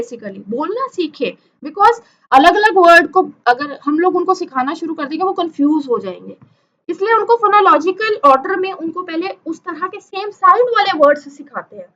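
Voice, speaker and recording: A woman with a high, bright voice gives a classroom-style lecture. She explains step by step, checks in with tag questions and reads definitions out slowly. The recording sounds dull and muffled. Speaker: teacher. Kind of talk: classroom-style lecture mixing Hindi and English.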